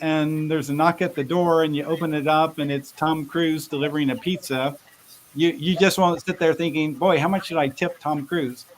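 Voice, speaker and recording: A man speaking as an interview guest, explaining things casually and haltingly, often repeating his words. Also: on the high side, rough recording. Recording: faint background hiss.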